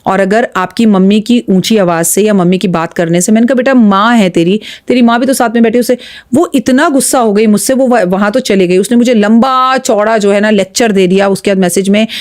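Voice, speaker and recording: In a slightly high voice, this astrologer offers advice as a guest on a podcast. Her delivery is blunt, emphatic and preachy, and she frequently acts out stories in quoted dialogue.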